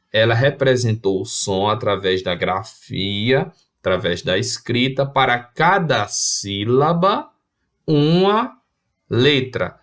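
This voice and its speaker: A man, teaching a recorded video lesson in an explanatory way, with restarts and fillers. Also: medium pitch.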